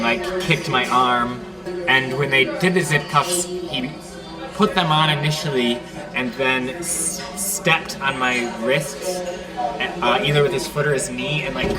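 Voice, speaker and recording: A man calmly retelling an arrest in a casual interview, halting with fillers. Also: mid-range voice. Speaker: raid eyewitness. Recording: distant mic with music underneath.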